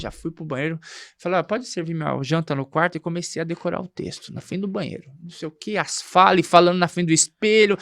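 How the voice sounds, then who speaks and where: A man's voice: sits high, a bit bright, dry recording. A man from Brazil, a nursing technician and actor, telling a story in casual chat and acting out the dialogue as he goes. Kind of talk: animated anecdote in casual chat.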